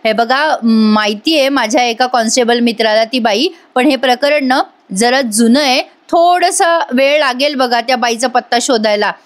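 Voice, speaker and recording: A deferential male constable, placating his impatient boss, read by a woman narrator. It keeps her high voice throughout. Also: moderate pace, hardly any pauses, lightly acted. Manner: placating, respectful.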